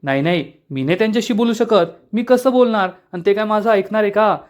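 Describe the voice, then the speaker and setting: A man's voice: sits high, quick pace, voice pushed up, lightly acted. Man voicing a flustered timid sister-in-law. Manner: hesitant, flustered.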